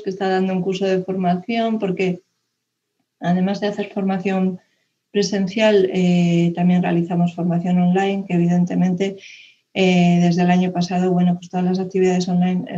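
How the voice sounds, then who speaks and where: Speaking in a lowish, mellow voice, a Spanish woman delivers an online conference talk from a room via a dull video call. She keeps stumbling into fillers and restarting her sentences.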